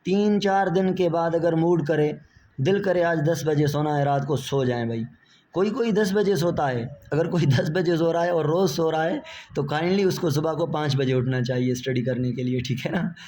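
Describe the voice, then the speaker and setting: A man's voice: fairly high pitch, moderate pace, a little mellow, a little hiss or hum. A man, a biology teacher giving friendly, reassuring exam-prep advice and mixing in English words.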